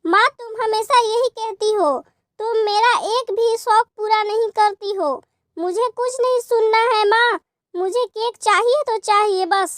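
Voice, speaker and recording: A woman's voice: extremely high pitch, unhurried, dry recording, studio quality. A woman voicing a sad, stubborn young schoolgirl in a cartoon story. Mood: upset.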